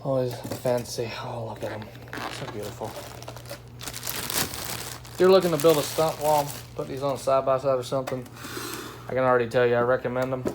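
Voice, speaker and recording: With a mid-range voice, a man talks a little fast but pauses for long stretches while unboxing and testing a product. His review is casual, informal and enthusiastic, and clear background noise can be heard.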